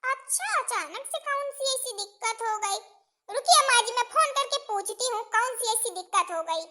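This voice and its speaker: A woman's voice: very high-pitched, expressive, normal speed, sharp tone, voice pushed up, full character voice. A woman voicing a put-upon young daughter-in-law in a cartoon, polite to her face and grumbling aside.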